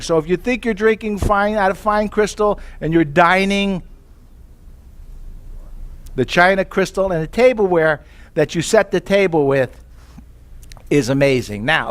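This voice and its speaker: A man pitches tableware to a live audience in a slightly raised voice. He spins chatty personal stories, quotes his own past thoughts in little asides, and keeps checking in with his listeners. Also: moderate pace, fairly bright tone. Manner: chatty storytelling with rhetorical questions. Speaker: sales presenter.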